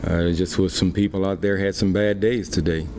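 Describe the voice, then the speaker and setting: A middle-aged baseball manager responds to the press after a game, talking into a desk microphone in a plain, unhurried way with plenty of fillers. His low-pitched male voice keeps a fairly even intonation against a noisy background.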